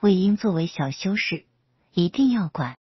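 A woman's voice: lowish voice, expressive, normal speed, breathy edge, no room sound, lo-fi sound. A woman voicing a cheeky little boy cultivator. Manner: talks about himself in the third person.

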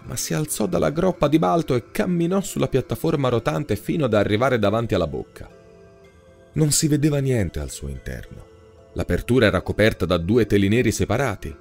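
A man narrating a short story in a scripted, expressive storytelling manner. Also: mid-range voice, vocal fry. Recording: soft background music.

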